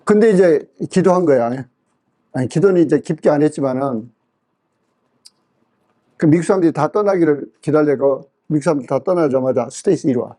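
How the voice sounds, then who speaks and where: A man's voice: on the high side, moderate pace, pauses often. A male pastor preaching a sermon at a church revival meeting, telling a personal story and acting out what each person in it said. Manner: lively storytelling that acts out quoted speech.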